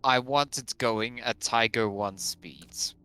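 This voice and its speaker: A man's voice: medium pitch, slow, sharp tone, smooth, dry recording. A man chatting casually as a friend on a game stream, teasing and joking with mock outrage. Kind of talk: casual chat.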